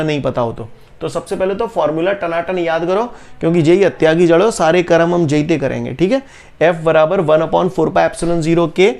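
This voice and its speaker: A man's voice: high-pitched, darkish tone. A man teaching a physics class, drilling formulas and checking over and over that students follow. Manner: coaxing, repeats "clear?", drills formulas aloud. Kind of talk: classroom lecture.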